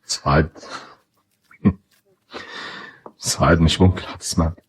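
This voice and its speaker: A man's voice: a bass voice, fairly even intonation, a little slow, breathy edge, heavily acted. An actor playing a bitter, fearful father who accuses his wife, with an Egyptian Arabic accent, in an old film drama.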